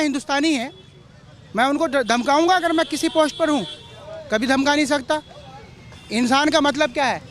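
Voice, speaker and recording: Man, very high voice, street interview, indignant, emphatic, repeats himself, outdoors. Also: fairly bright tone.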